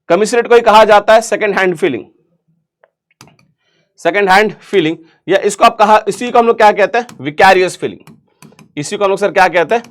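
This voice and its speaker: A young man with a fairly high voice teaches vocabulary online, quizzing his listeners and answering himself. He jokes as he goes, and his English words carry an Indian accent. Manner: chatty, jokey, asks and answers his own questions. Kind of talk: online exam-prep vocabulary lesson.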